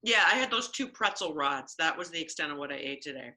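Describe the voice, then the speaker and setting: Bright, lively woman co-host; comic readings of fan fiction, playful and animated. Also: deep voice, quick pace. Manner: animated, playful, acts out dialogue. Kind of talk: comic dramatic reading and casual chat.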